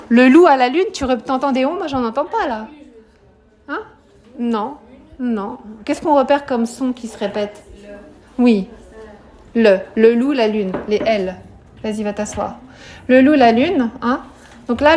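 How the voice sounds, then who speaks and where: Woman, French teacher, live classroom lesson, voice slightly high, explains and questions the students. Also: a little mellow. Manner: explanatory, questions students, frequent "hein" tags.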